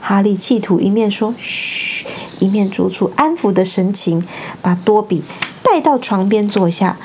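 A mother reading a bedtime story aloud at home, expressive, with the odd slip and restart. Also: mid-range voice, normal speed, lo-fi sound, slight background noise. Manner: expressive, occasional slips and restarts. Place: home, indoors.

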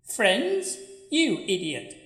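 A woman's voice: medium pitch, huge pitch swings, extremely slow, a bit bright, full character voice. A woman voicing the blunt, sulky ghost of a plain young woman, with curt, needling replies in a radio play. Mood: deadpan. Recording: echoey, roomy sound.

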